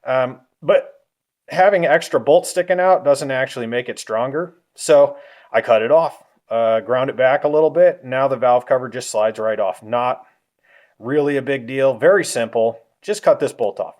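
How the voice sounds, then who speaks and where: A man walks through his engine bay in a loose, unscripted way, trailing off and correcting himself as he points things out. His voice sits at an ordinary middle pitch, and he sounds slightly winded. It is recorded in a garage. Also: moderate pace. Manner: relaxed and rambling, with frequent ums and self-corrections. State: a little out of breath. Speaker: car hobbyist vlogger. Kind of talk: casual how-to explanation.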